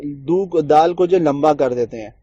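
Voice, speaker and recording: A man teaching tajweed in a Quran recitation lesson. He explains common mistakes, then recites the example words slowly and drawn out. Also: a little high, mellow, husky, dry recording, muffled recording.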